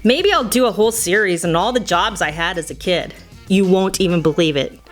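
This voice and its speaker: A fairly low-pitched, animated woman's voice, moving a little fast, carries this scripted personal storytelling over music. The American storyteller reminisces playfully and nostalgically, slipping into Spanish at times.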